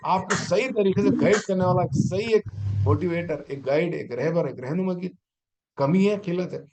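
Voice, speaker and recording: A man's voice: high-pitched, moderate pace, noisy background. A middle-aged man, a teacher trainer giving an online exam-prep lecture and urging his students on with rhetorical questions.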